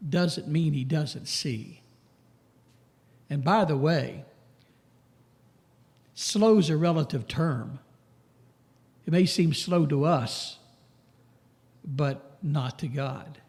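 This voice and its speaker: A man preaching a sermon in a church, slow and emphatic, lifting his voice on questions and dropping low for asides. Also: animated, a little mellow. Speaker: pastor.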